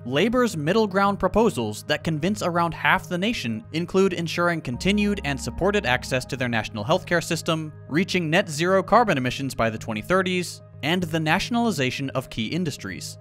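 A man's voice: a little high, fairly bright tone. A man from the United States narrating a scripted video essay with sarcastic, wry asides.

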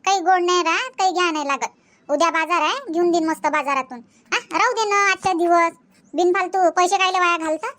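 Cartoon granny, played by a woman: old, thrifty, nagging, shrill and bright. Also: fairly quick. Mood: grumbling. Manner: nagging, sharp-tongued. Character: scolding thrifty old village grandmother.

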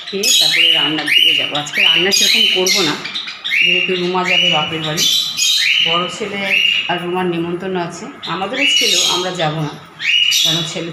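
A middle-aged woman chatting casually to her viewers in a home vlog, filmed on a phone. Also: lowish voice. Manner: chatty, talks to viewers and coaxes a pet. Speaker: vlogger. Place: home, indoors. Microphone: phone camera. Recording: echoey room with loud background noise.

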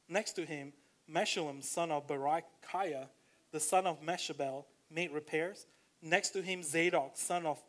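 Speaking with a Malaysian accent, a pastor talks through scripture in a loose, chatty sermon inside a church. He has a slightly high voice for a man, leans on frequent fillers, and deliberately slows when a point matters.

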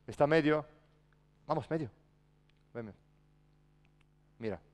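Man, basketball coach, fairly high voice, long gym reverb, short barked commands. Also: takes it slowly, darkish tone, slight background noise. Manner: barks short commands, then explains patiently. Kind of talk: coaching a practice on court. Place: large indoor gym.

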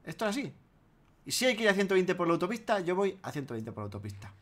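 A man hosting a casual gaming chat, ranting in a mock-serious, animated way. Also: high-pitched, fast talker. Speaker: gaming host.

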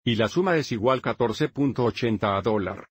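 A man narrating a dubbed math lesson, explaining each step in a steady, methodical way. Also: mid-range voice, moderate pace, breathy edge, no echo, clean studio sound. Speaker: math teacher.

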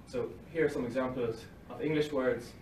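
Reading his academic talk from notes at a lectern, a young man speaks at a moderate pace in a medium-pitched, fairly even, slightly mellow voice, with dry asides and short laughs. A phone camera far across the library meeting room records him, leaving the sound roomy, distant, lightly hissy and livestream-like.

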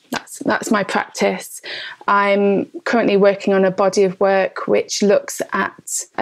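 Slow, reflective woman with gravelly edge. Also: mid-range voice, a little mellow. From East Midlands of England. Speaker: photographer and educator guest. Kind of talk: interview answers.

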